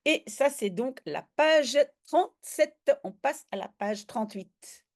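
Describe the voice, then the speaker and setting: A language teacher with a Flemish accent reads a comic aloud, explaining every line in a slightly high voice and at a slow pace. She breaks into lively bursts whenever she voices the characters' cries.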